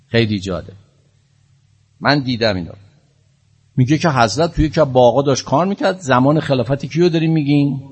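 A man's voice: mid-range voice, breathy edge. A male preacher telling a religious story in a sermon, shifting into impassioned appeals.

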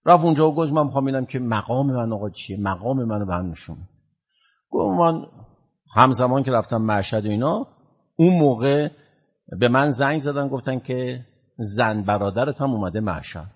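Male preacher, breathy timbre, muffled recording, dramatic sermon storytelling. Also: medium pitch. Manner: animated, swings from loud to hushed. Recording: dull lo-fi sound.

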